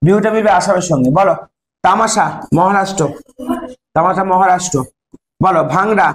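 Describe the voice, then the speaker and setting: A man teaches English to young pupils. He asks questions, answers them himself, and reads English sentences slowly before translating them. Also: high voice. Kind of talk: classroom lesson in Bengali.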